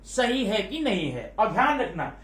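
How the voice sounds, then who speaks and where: A man's voice: high-pitched, very animated, a little slow, a bit bright. A man teaching a Hindi grammar lesson, repeating each point and quizzing his students, with numbers counted in English. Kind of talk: classroom lesson explaining Hindi verse meter. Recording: echoey room, voice from a distance.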